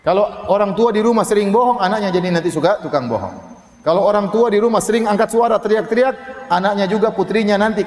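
A man preaching a sermon, telling a story in a lively way, acting out the voices of the people in it and chanting Arabic verses slowly. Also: high voice. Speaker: Islamic preacher. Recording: echoey hall reverb.

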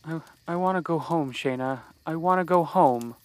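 A man's voice: fairly high pitch, moderate pace, dry recording, voice pushed up, close to an everyday voice. A man voicing a dazed, frightened young person who speaks in a dreamy, hesitant way.

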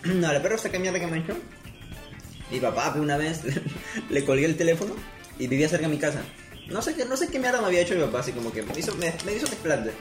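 A man's voice: on the high side, sing-song, fast, echoey room, over music. A young man, chatting casually and telling stories with lots of laughter. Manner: laughing, storytelling, slangy. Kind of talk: casual chat.

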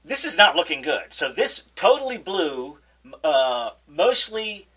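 A man co-hosting a casual political podcast chat, animated and laughing often, often restarting his sentences. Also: a little high, unhurried, breathy edge. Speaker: podcast co-host.

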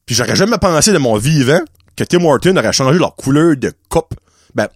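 Lively chatty podcast host. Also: male voice, a little high, brisk, breathy edge, no room sound, clean studio sound. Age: 30s. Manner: chatty, mixes English words into French, playful. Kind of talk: casual solo podcast chat.

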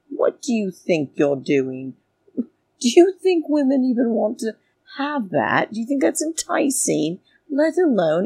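A woman's voice: low voice, creaky, dark tone, slightly rough. A middle-aged British woman hosting a chatty comedy podcast with a flirtatious, theatrical femme fatale drawl and cheeky, crude teasing. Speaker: podcast host.

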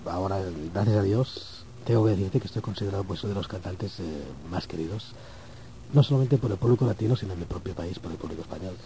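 A man with an accent from Spain, guest on a radio interview in a studio. He talks fast in a mellow, darker tone, modest and a little rambling. Light noise sits behind him. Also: deep voice, low-quality recording. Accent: Spanish from Spain. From Barcelona, Spain. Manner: modest, friendly, rambling with fillers. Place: radio studio in New York.

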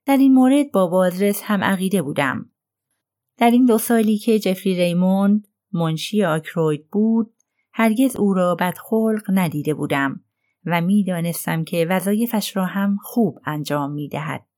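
A woman's voice: on the low side, animated, mellow. A woman narrating a crime novel as an audiobook, voicing the characters lightly in her own voice. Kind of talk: reading a crime novel aloud.

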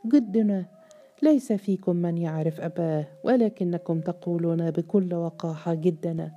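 A woman voicing a furious, contemptuous male estate overseer who shouts insults and interrogates sharply. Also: on the low side, moderate pace, muffled recording, slight background noise, natural voice. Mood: enraged.

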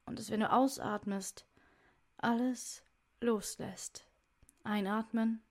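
A woman leading a guided meditation in a soft, soothing voice, giving measured instructions in short phrases that sometimes trail toward a whisper. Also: a little high, steady tone. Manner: soft, soothing delivery with breathy, near-whispered phrase endings.

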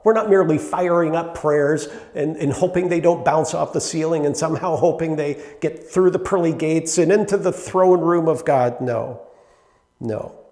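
A middle-aged man preaching a sermon in a relaxed, conversational way, with fillers and rhetorical questions to the congregation. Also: a little high. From Canada. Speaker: pastor. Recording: echoey hall with long reverb.

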